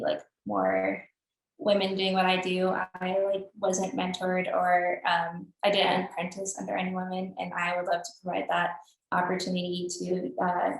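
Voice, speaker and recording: Young woman on a zoom panel, gravelly n kinda flat, roomy sound. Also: lowish voice. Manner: casual, fillers like "um" and "like". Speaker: audio engineer, panelist. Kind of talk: virtual panel discussion. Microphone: video call. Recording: roomy video call audio.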